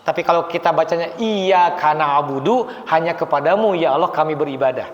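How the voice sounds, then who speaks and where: Man, religious teacher, patient explaining, slow Arabic recitation, long hall reverb. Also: fairly high pitch, fairly even intonation. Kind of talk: mosque class on funeral rites. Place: mosque hall. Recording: echoey hall, dull lo-fi sound.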